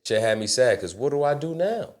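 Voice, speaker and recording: A man telling a personal story as a guest on a casual studio talk show, profane and animated. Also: mid-range voice, fairly quick. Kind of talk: casual podcast chat. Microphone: studio mic.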